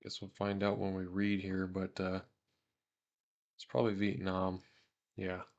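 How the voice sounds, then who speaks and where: Young man, low voice, gravelly, laid-back vlog host, lots of ums and pauses. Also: lo-fi sound. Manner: relaxed, many fillers and pauses. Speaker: autograph collector vlogger. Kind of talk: casual hobby vlog, reading letters aloud.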